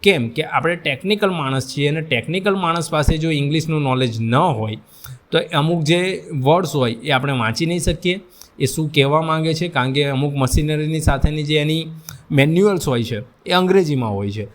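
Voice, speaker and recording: A man's voice: a little high, fairly quick. A man giving a lecture on employability skills, addressing his students directly and mixing English terms into his explanations. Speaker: vocational instructor. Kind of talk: classroom lecture.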